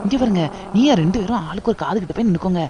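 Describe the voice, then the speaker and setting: A woman voicing a playful, meddling village aunt in a cartoon, talking loudly with a Tirunelveli Tamil accent. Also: mid-range voice, very fast, very noisy, lightly acted. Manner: loud, playful, coaxing. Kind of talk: cartoon voice acting.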